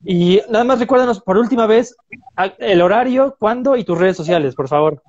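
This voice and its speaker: A man's voice: high-pitched, animated, fairly quick, a little mellow, dull audio. A man hosting a casual interview, friendly as he thanks and promotes his guest. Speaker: interview host.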